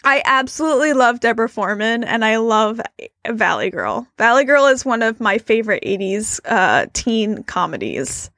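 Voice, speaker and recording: A woman co-hosting a casual movie chat, animated and rambling, laughing often. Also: fairly high pitch, moderate pace, no room sound, clean studio sound. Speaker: podcast co-host.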